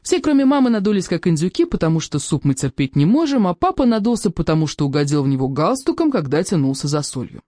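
A reader narrating a children's book in a lively storytelling manner. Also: medium pitch, fast, hardly any pauses, no echo, studio quality. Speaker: audiobook reader.

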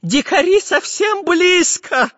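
Brief: jittery professor, put on by a man, lively rising voice. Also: very high-pitched, measured pace, voice pushed up, heavily acted. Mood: anxious. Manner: pleading, fretful. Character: anxious male professor. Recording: dull lo-fi with long reverb.

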